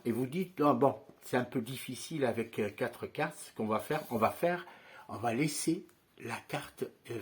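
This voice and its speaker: A man teaching a card trick step by step, in a chatty manner and often checking in with his listeners. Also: mid-range voice. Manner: conversational, frequent tag questions and fillers.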